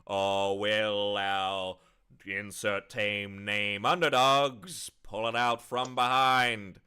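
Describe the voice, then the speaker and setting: A man voicing a brash, excitable sports commentator with drawn-out showmanship in a tabletop game. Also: lowish voice, smooth, heavily acted. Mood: hyped.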